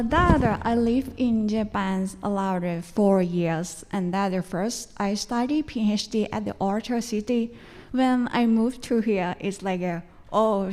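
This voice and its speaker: A woman speaks very slowly on a symposium panel in a somewhat high voice. Her phrasing is simple and hesitant. A long hall reverb follows her words. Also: mellow. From Thailand.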